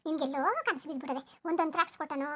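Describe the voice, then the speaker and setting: A woman doing a fast-talking village mother. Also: high voice, steady tone, pushed and bright. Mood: coaxing. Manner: scolding then coaxing, rustic village speech. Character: protective village mother, scolding yet tender. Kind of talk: cartoon voice acting.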